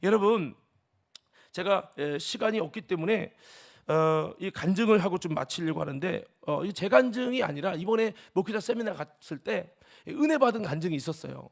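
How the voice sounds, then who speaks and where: A man's voice: high voice, lively intonation, normal speed, vocal fry. A male pastor preaching a sermon, telling a story and building up to impassioned, rising cries.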